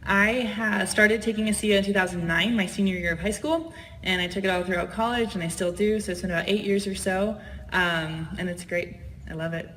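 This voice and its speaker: A woman speaking quickly and breezily on an athlete panel. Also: medium pitch, steady tone. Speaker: panelist, swimmer. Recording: loud crowd and heavy noise.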